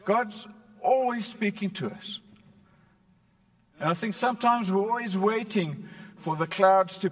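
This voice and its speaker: A man preaching a sermon, retelling a scripture story with lively, playful asides. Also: fairly high pitch, in a large hall, distant mic.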